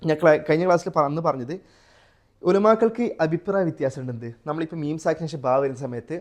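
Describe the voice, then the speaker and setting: A Malayali man leads a live tajweed class in a fairly high voice. He keeps asking his students questions and breaks into slow, drawn-out chanting of example verses. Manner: asks students questions, then chants Quran examples slowly. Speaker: tajweed teacher.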